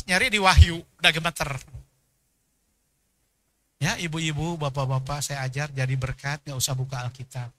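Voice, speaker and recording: A male pastor, preaching a sermon in an animated storytelling manner and acting out the people in his stories. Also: a little high.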